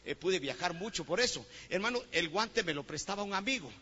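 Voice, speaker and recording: A man with a Guatemalan Spanish accent preaching a sermon as pastor, telling stories with animation and breaking into loud exhortation. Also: high-pitched, lively intonation, fairly quick, breathy edge. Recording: long reverb of a church hall.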